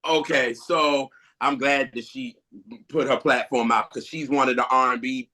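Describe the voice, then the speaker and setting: An American man co-hosting in a casual chat, telling stories in an animated way and acting out conversations. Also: mid-range voice, normal speed. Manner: animated storytelling, acts out quoted conversations. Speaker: podcast co-host.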